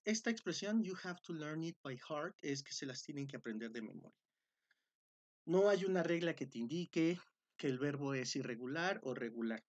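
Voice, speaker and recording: Slow, patient woman teaching grammar. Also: low voice. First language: Spanish. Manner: patient, drawn-out, repeats each rule in Spanish. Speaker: English teacher. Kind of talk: slow classroom-style grammar explanation.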